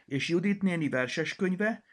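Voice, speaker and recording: An eager little boy's voice, lifted high and questioning like a tiny detective, as a male storyteller puts him on. The tone stays husky and creaky. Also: wildly swooping pitch, a bit bright, heavily acted. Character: curious little boy, playful detective.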